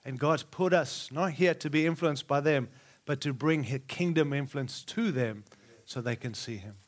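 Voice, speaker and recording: A guest preacher from Australia, middle-aged, speaks to a live church in a slightly high voice at normal speed. He repeats rousing phrases and cracks jokes for the congregation.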